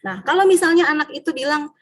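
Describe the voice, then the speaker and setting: A woman teacher from Indonesia, giving a lively workshop talk to fellow teachers and acting out student and teacher voices. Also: sits high, fast. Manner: frequent tag questions.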